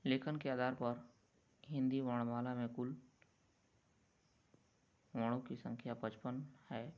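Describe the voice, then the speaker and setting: Man, teacher, grammar lesson, very slow pace, drawn-out sounds. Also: medium pitch, little pitch movement, lo-fi sound, a little hiss or hum.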